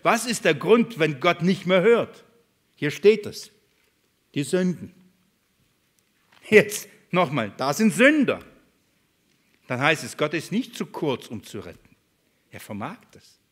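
A man preaching a sermon to his congregation, asking questions and answering them himself, swinging between loud passages and hushed ones. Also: on the high side, very animated, takes it slowly, long pauses, breathy edge.

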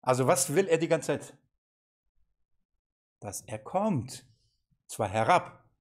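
Male seminar teacher, lively and questioning, acts out quotes. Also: fairly high pitch, slow pace. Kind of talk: interactive Bible seminar teaching.

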